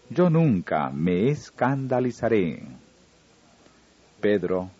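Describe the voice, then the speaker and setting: A man reading a religious story aloud in a slow, solemn narrating manner. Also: medium pitch, dark tone. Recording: dull lo-fi recording with faint music.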